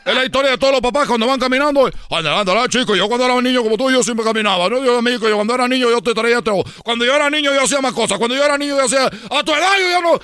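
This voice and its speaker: A man's voice: very high voice, racing, few pauses, pushed and bright, clear, resonant tone, no echo, clean studio sound. A man voicing a rambling comic character who tells a long story, repeating himself and laughing at his own jokes. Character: rambling man, son of a dictator. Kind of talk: comedy sketch storytelling.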